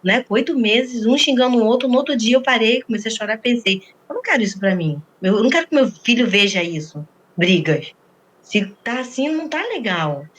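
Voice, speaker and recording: A woman's voice: fairly high pitch, expressive, fairly bright tone, a little hiss or hum. A woman giving an interview, recounting a painful personal story and acting out the quoted dialogue. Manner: rapid, acts out quoted dialogue. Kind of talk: emotional personal account.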